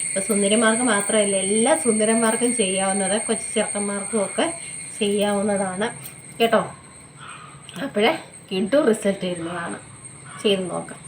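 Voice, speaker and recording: A woman's voice: mid-range voice, fairly even intonation, normal speed, pauses often. Woman vlogger, talky and repetitive, mid-range voice, casual at-home beauty tips with faint room noise behind. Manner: chatty, repetitive, often adds tag questions to viewers. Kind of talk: casual home tutorial chat.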